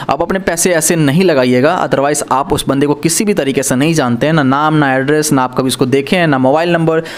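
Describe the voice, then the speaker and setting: A young man explaining an online job scam to camera, earnest and cautioning, speaking to viewers as friends in a plain indoor room. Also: a little high. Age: young adult. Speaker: YouTube cyber-awareness presenter.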